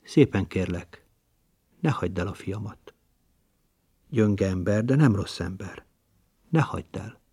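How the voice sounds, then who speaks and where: A man's voice: fairly low pitch, lively intonation, long pauses, dark tone, husky, dry recording, studio quality. A man voicing an older aristocratic grandmother who speaks hard and reluctantly, pleading in earnest.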